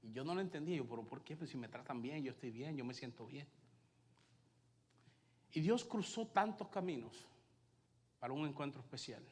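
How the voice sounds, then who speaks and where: A male pastor with a Puerto Rican Spanish accent preaching a sermon and telling his own story, alternating loud emphasis with hushed asides. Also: medium pitch, animated, moderate pace, long pauses, slightly rough, in a large hall. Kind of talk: sermon with personal testimony. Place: church sanctuary.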